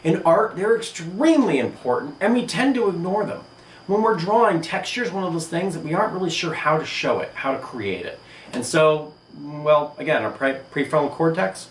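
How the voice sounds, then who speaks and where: A man with a fairly high-pitched voice teaches art in an animated, enthusiastic video lesson. He's indoors by a table and a sandstone wall; the recording is roomy from a distant mic, with a little hiss or hum.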